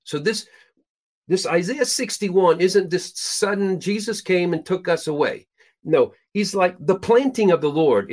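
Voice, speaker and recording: Middle-aged guy from peru teaching the bible, slightly high voice, punches his big points. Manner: emphatic, building to stressed high points. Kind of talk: scripture teaching talk.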